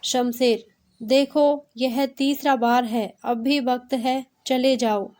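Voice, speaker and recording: A woman's voice: high voice, fairly even intonation, slow pace, a little mellow. A woman reading the lines of a fierce, grieving young man in a storybook tale. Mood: warning.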